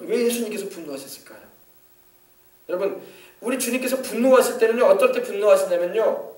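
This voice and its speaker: A man's voice: high-pitched, echoey room, recorded from a distance. A male pastor preaching a sermon with emphasis, often asking the congregation to confirm. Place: church sanctuary.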